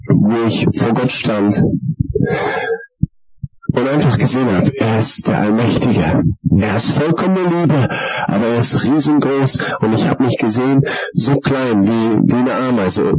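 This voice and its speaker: A man preaching his personal testimony, earnest and emphatic, stretching some phrases out slowly. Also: medium pitch, a little mellow, slightly rough. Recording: dull lo-fi recording with crowd behind.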